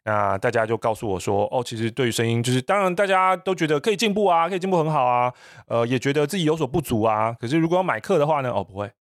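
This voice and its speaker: Guy chatting on a podcast, thinks out loud, dry close mic, mid voice. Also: medium pitch, animated, quick pace, hardly any pauses, no room sound. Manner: thoughtful, hesitant, laughs often. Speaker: podcast guest, voice business founder. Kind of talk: casual chat.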